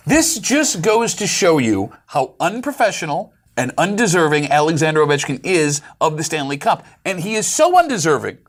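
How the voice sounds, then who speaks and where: High, shouting, exasperated ranting man. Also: sing-song, moderate pace, few pauses. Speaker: radio guest. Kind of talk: comic sports rant.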